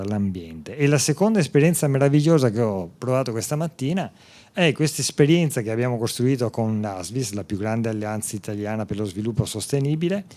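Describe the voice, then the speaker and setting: A man's voice: medium pitch, a little mellow. A man from the Venice area, giving an earnest, emphatic public talk as the author presenting his book, with rhetorical questions and restarts. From Venice area, Italy.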